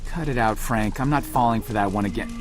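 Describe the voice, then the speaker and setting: A man's voice: fairly low pitch, brisk, natural voice. An actor playing a confused, incredulous man questioning a friend in a video game. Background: game music.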